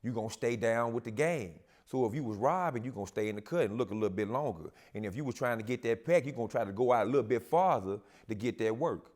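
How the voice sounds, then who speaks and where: A man on a casual talk show as a guest, speaking in a calm, steady, reflective way with Southern slang. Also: mid-range voice, fast, few pauses.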